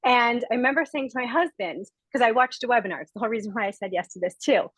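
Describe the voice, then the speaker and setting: A woman's voice: fairly high pitch, fast, husky, no room sound, low-quality recording. A woman from Rhode Island giving a heartfelt, gushing testimonial as a guest on a video-call webinar. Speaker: guest speaker.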